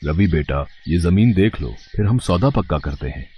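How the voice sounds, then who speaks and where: A man's voice: deep voice, expressive, moderate pace, warm tone, breathy edge. A man voicing an older wealthy village merchant in a cartoon story, polite and obliging.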